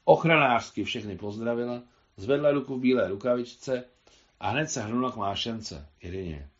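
A man reading his own translation of a novel aloud in a measured literary delivery, on a slightly dull recording. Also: medium pitch.

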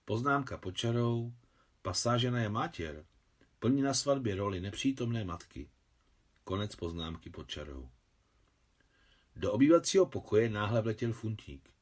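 A man narrating a translated novel as an expressive literary audiobook reading. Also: lowish voice, breathy edge.

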